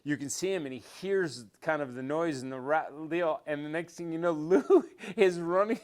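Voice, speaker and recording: An older man telling stories as an interview guest, rambling with fillers and restarts and growing animated as he goes. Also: a little high, a little fast, clear, resonant tone. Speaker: interview guest, former quarterback. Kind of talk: relaxed storytelling interview.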